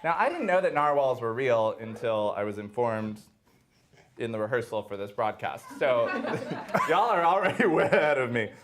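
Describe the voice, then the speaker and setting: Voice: mid-range voice, sing-song, normal speed. A campy, playful, theatrical drag queen hosting a story hour, bantering and reading to an audience of children. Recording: crowd noise of a live audience.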